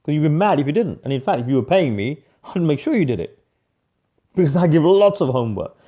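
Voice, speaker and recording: A man giving an energetic live motivational coaching talk, emphatic, repeating key phrases and calling viewers by name. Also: on the high side, quick pace, lo-fi sound.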